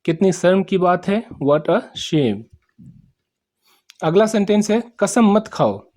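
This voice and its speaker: In a fairly high, slightly mellow voice, a man gives a spoken English lesson explained in Hindi, repeating each sentence slowly. He spells and sounds out words letter by letter and keeps checking, "samajh mein aa gaya?"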